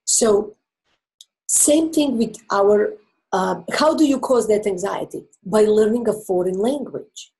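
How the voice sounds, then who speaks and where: A woman with a Croatian accent, a native Croatian speaker, gives relationship advice as an interview guest, earnest and explanatory with emphatic pauses. Her voice is mid-range and a little mellow. The recording quality is low.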